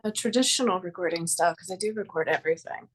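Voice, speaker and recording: A body care practitioner hosts an interview over a video call, introducing her guest in a friendly, giggly way. She talks at a quick pace in a lowish voice, using her computer microphone, with slight background noise.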